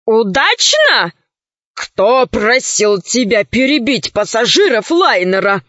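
A fat, lazy crime boss, as a woman reader puts him on, drawling his orders slowly and with lazy authority over his younger brother. The storybook recording is dry and a bit dull. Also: a little high, big pitch swings, fairly bright tone, dry recording, full character voice. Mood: domineering.

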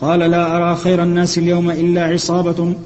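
Man reading aloud in a flat, mellow voice. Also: high voice, quick pace, long reverb tail, low-quality recording. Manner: steady, even recitation with small self-corrections. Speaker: student reading the text aloud for the sheikh. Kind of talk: reading a classical text aloud in a lesson.

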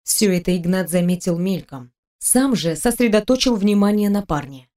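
A woman narrating an audiobook in an even, expressive reading voice. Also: mid-range voice, normal speed. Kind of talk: scripted narration.

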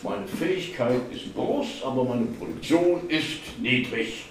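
A man's voice: medium pitch, animated, unhurried, lightly acted. A man reading aloud voices a bristling, sarcastic office scholar who spits out bureaucratic jargon with scorn. The voice sounds distant from the microphone and rings through a strongly reverberant hall. A faint hum of ambience sits underneath. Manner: sarcastic, exasperated outbursts. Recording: echoey hall, voice far from mic.

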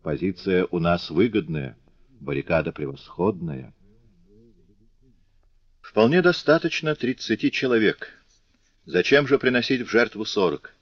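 A man's voice: sits low, expressive, measured pace, pauses often, husky, no room sound, exaggerated voice. A man voicing a stern, commanding male revolutionary leader, firm and authoritative, in a dull, lo-fi recording.

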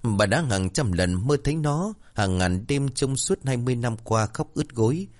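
A man narrating a dramatic ghost story in an expressive storytelling style. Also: mid-range voice, moderate pace.

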